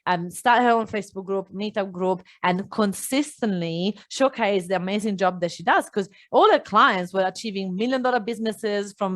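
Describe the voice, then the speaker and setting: Energetic woman hosting a business chat. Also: mid-range voice, normal speed, hardly any pauses. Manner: energetic, emphatic, prompting questions. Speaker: host and business coach. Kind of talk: casual interview chat.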